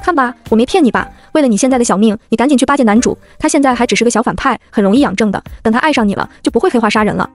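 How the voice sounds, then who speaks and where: A woman voicing a frantic, shrill male magic system in a web-novel story. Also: racing, hardly any pauses, a little mellow, no room sound, faint music behind, close to an everyday voice. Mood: urging. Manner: shrill, panicky.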